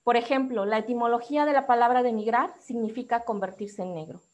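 As a panel activist, this woman reads a prepared formal talk in her Mexican accent, measured and articulate. Her voice is slightly high, and the recording has its high frequencies cut off.

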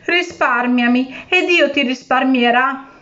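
A woman's voice: sits high, takes it slowly, a bit bright, lo-fi sound, pitched above the performer's own voice. A woman voicing a desperate, clever fisherman. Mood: desperate, cunning. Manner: pleading, then shrewd and defiant.

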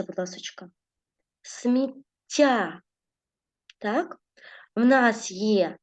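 Gentle woman teaching young children. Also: medium pitch, husky, lo-fi sound. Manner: gentle, uses diminutives, frequent checking "так?". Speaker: primary school teacher. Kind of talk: classroom lesson narration.

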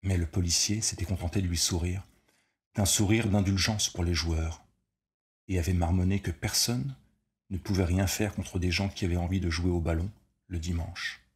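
A man reads a short story aloud in a deep, low voice. His delivery is measured and steady, the even pace of audiobook narration. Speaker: reader.

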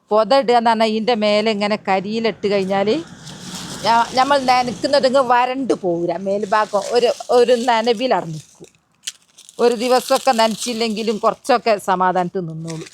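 A woman's voice: medium pitch, slight background noise. Chatty woman. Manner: chatty, speaks straight to viewers. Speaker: gardening vlogger. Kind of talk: casual vlog talk. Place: outdoor garden beside a road.

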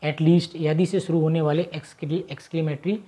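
During a grammar lesson, a man patiently says his example sentences slowly and drawn out, repeating them before giving a brisker explanation. His voice is a little high and mellow, with little pitch movement.

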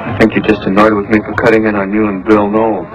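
An actor playing an earnest young soldier in love, speaking quietly and directly in a film drama. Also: male voice, fairly low pitch, little pitch movement, quick pace, music in the background, lightly acted, rough recording. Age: young adult.

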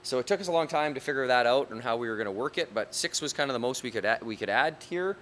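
Speaking fast with lively intonation, a man in his thirties who runs a bar answers questions casually on-site, his medium-pitched voice fairly bright and full of "you know" and "um." Slight background noise comes through the handheld reporter mic as he goes from a street outdoors into a large bar and bowling hall.

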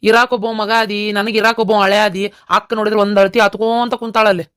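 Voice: mid-range voice, level tone, fast, a bit bright, clear, resonant tone, no echo, studio quality, lightly acted. A performer voicing a village uncle with a North Karnataka accent, trying to talk his nephew out of joining the army in a cartoon. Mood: coaxing. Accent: North Karnataka Kannada. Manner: coaxing, reasoning. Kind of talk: cartoon voice acting.

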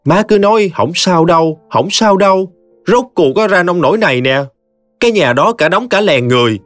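Brief: male narrator voicing a high, lively, defiant young bride with a Southern Vietnamese accent, in a dry audiobook read. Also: moderate pace, no room sound, soft background music. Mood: whining. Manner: whiny, defiant. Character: sulky sharp-tongued young bride, woman.

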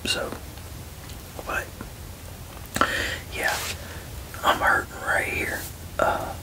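A person whispering a casual ASMR ramble, halting and frank, with folksy turns of phrase. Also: recorded from a distance, rough recording. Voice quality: unvoiced, breathy whisper with creaky edges. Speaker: ASMR video creator.

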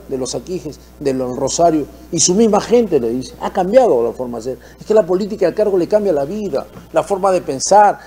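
A man's voice: sits high, gravelly, warm tone, husky. A man with a Peruvian accent, hosting a TV opinion show and giving indignant political commentary full of rhetorical questions. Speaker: TV opinion host.

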